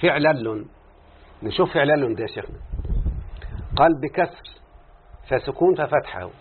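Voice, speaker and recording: A man's voice: medium pitch, animated, moderate pace. A male teacher with an Egyptian Arabic accent leads a classroom lesson, constantly asking his students whether they follow. He stretches out syllables and goes over each point again. The sound is thin and phone-like, with a faint hiss underneath. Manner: keeps checking in with students, repeating and drawing out syllables. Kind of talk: classroom lesson with call-and-response. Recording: tinny phone-like lo-fi sound with faint background noise.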